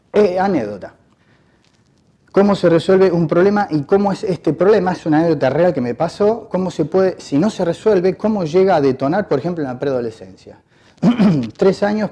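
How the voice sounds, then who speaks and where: Rioplatense guy, educator, kinda high voice, thoughtful short phrases. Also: dark tone, breathy edge. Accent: Rioplatense Spanish. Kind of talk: reflective talk with a told anecdote.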